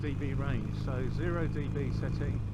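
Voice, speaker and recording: A man talking through a motorbike helmet intercom microphone while riding on the open road, calmly reading out his settings and speeds. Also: medium pitch, moderate pace, highs cut off. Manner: matter-of-fact, repeats settings and speeds. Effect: motorbike helmet intercom sound. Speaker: motorcyclist testing helmet audio gear. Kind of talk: casual running commentary while riding. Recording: loud wind and engine noise through helmet mic.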